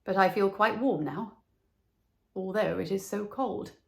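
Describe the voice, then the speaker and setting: A woman's voice: medium pitch, unhurried, creaky. A woman voicing a proud, boastful little male swallow in a storybook, with haughty, emphatic delivery. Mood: curious.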